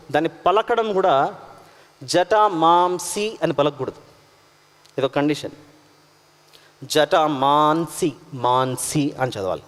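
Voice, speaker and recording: A male pastor from India delivers an emphatic sermon, rising to loud proclamations and dropping to quiet asides. His voice sits fairly high, and he drops English words into his talk. A long reverb from a church hall trails after each phrase. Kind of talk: sermon with live slide directions.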